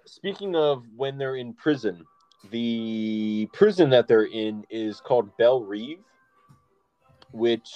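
In lo-fi audio, a man with a medium-pitched, darkish voice co-hosts a casual movie podcast, his talk rambling and full of ums and restarts.

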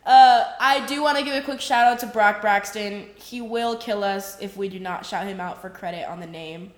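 A woman's voice: medium pitch, normal speed. A woman in her early twenties with an American accent, chatting informally as a podcast co-host. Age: early 20s. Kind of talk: casual chat. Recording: roomy, echoing room sound.

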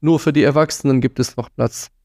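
Gravelly earnest male preacher. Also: mid-range voice, fairly even intonation, fairly quick, darkish tone, no echo, studio quality. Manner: earnest and admonishing, sprinkles Arabic phrases. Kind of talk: religious talk on parenting.

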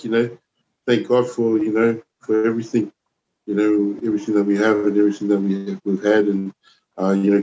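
Laid-back low-voiced man from New Zealand. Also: dull audio, a little hiss or hum. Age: 40s. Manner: relaxed, rambling, lots of "you know" and "man". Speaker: podcast guest, youth worker. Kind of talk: casual conversation.

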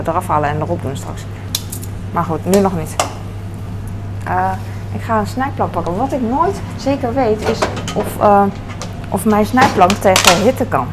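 A woman chatting casually while cooking in her home kitchen, rambling and self-mocking with lots of fillers. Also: mid-range voice. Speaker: home cook vlogger. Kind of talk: casual cooking vlog chat. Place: home kitchen with sizzling pan. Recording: noisy home kitchen recording. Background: frying and sizzling sounds.

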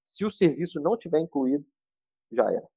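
Fervent preacherly man, fairly high voice. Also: lively intonation, brisk, mellow, husky, dry recording. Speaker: therapist guest. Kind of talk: earnest podcast talk.

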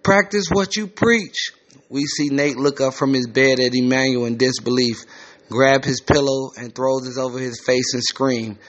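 A man's voice: medium pitch, little pitch movement, normal speed. Man reading a screenplay aloud. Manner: plain, reads stage directions.

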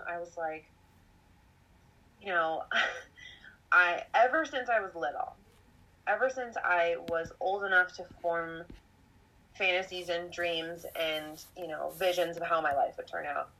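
A woman in her late twenties hosts a podcast, rambling through confessional, self-reflective storytelling and laughing often. Her fairly low voice sounds pushed and bright, and the lo-fi recording is slightly dull.

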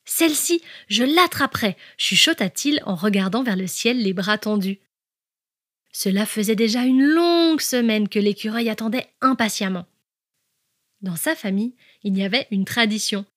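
A woman narrating a children's bedtime story as a podcast host, in a gentle, expressive storytelling manner. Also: medium pitch, moderate pace, dry recording, studio quality.

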